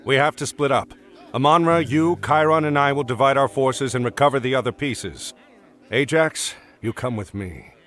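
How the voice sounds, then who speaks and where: An actor playing a sober, decisive heroic commander in a video game. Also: male voice, medium pitch, normal speed, a bit bright, natural voice. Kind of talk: dramatic video game acting.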